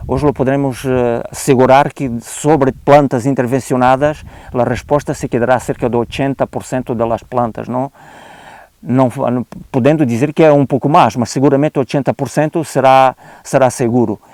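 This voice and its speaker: A man with a European Portuguese accent speaks unscripted on a country estate. His voice is warm, mellow and smooth. He talks in a hesitant way, with many "eh" fillers and restarts, and mixes Spanish words into his sentences. The sound is dry and close. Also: medium pitch, steady tone, normal speed, dry recording. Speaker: guest expert on oak disease. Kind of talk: unscripted explanatory talk.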